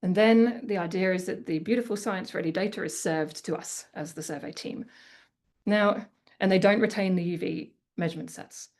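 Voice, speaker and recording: A woman's voice: on the low side, normal speed, a little mellow. A woman with an Australian accent giving a conference talk, then chatting candidly with many casual fillers. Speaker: conference speaker.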